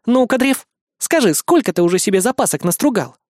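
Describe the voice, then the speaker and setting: Man doing a mocking, sharp-tongued young woman. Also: sits high, expressive, brisk, no room sound, studio quality, pitched above the performer's own voice. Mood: teasing. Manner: teasing, crude jokes.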